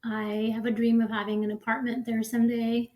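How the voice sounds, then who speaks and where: A woman's voice: a little high, level tone, fairly quick, warm tone. A woman co-hosting a podcast, chatting casually and eagerly. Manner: enthusiastic, gushing. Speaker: podcast co-host. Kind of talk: casual chat.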